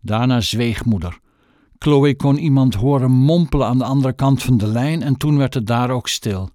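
A man narrating an audiobook with expressive storytelling. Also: mid-range voice, normal speed, no room sound, studio quality.

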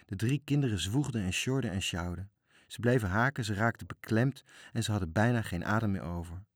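A man's voice: on the low side, fairly quick, dry recording, clean studio sound. A man reading a children's story aloud, expressively, voicing the characters. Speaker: narrator.

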